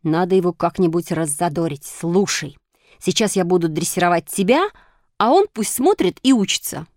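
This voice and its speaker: An excitable, bossy schoolboy, as a woman puts him on in a storybook reading, his raised boyish voice jumping about lively. The sound is dry and close. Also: fairly low pitch, normal speed, no echo, close to an everyday voice. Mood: eager.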